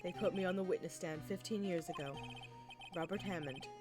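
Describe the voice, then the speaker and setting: A woman voicing a bitter, resigned old man on a witness stand in a video game, speaking gravely and plainly over loud music. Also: lowish voice, brisk, lightly acted.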